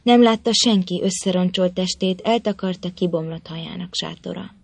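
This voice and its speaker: A woman narrating an old tale with an expressive, measured reading. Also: lowish voice, creaky, breathy edge, dry recording. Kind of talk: storybook narration.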